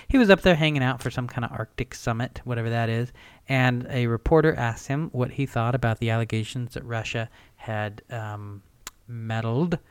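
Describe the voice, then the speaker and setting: A man co-hosting a podcast in casual chat, reading news aloud in a smooth, soothing newscaster-like way and joking often. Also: medium pitch, no room sound. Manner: chatty, jokey, laughs often. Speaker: podcast co-host.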